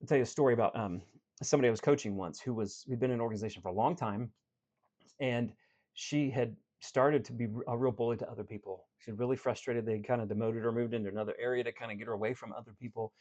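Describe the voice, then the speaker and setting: Speaking as a life coach, a man gives an earnest, direct motivational talk built around a story from his work. He talks fast in a medium-pitched voice, swinging between animated and quiet.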